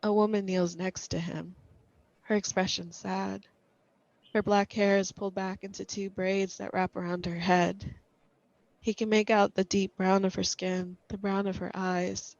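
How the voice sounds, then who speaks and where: A woman reading a scripted horror story aloud in a measured, suspenseful way. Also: mid-range voice, flat delivery, vocal fry, a little mellow, dry recording, highs cut off.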